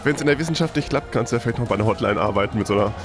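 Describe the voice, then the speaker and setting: A man's voice: mid-range voice, rapid-fire, over loud music. A man co-hosting a podcast, telling stories in a casual, conversational way. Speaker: podcast co-host.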